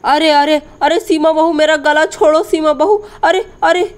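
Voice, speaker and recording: A frightened old village mother-in-law, as a woman plays her in a doll story. She begs and pleads in a high voice, and her fear runs through every line. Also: steady tone, normal speed, natural voice. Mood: pleading. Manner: pleading, fearful.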